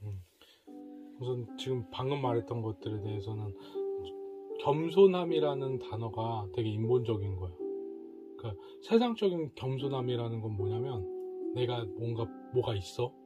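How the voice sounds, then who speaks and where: A man's voice: medium pitch, normal speed, lo-fi sound. A man casually talking through a Bible passage at a home worship, animating his points by acting out prayers. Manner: animated, acts out prayers with rising intensity. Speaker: family worship participant. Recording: music playing underneath.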